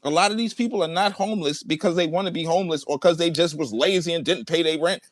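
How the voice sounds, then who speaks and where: A debate participant with a somewhat high voice speaks quickly, emphatically restating his arguments with swearing in a heated online exchange. He's in a large room at home, with no echo on the recording.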